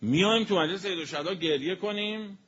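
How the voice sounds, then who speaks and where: A man giving a colloquial religious sermon as a preacher. He spells out word meanings slowly and with emphasis, then speeds up. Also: high-pitched, a bit bright, husky. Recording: dull lo-fi recording with faint noise.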